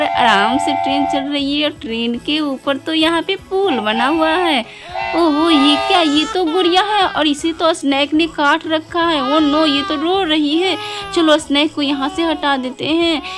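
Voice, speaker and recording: A woman's voice: high-pitched, a bit bright. A woman narrating a toy play video for children in a playful way, sweet-talking the toys and exclaiming in wonder. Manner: exclaims in wonder, keeps asking "what's this?".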